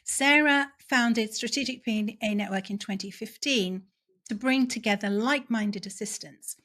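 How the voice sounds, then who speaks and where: A woman's voice: a little high, normal speed, fairly bright tone. A woman hosting a podcast interview, chatty and enthusiastic, with a self-deprecating humour. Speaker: podcast host.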